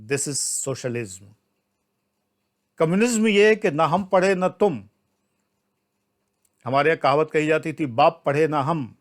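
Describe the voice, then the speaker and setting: Older Indian man, exam-prep teacher, slightly high voice, forceful scolding lecture style. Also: lively intonation, slow, long pauses. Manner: emphatic and scolding, swings between loud outbursts and low asides. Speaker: civil services exam teacher. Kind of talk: lecture to online class.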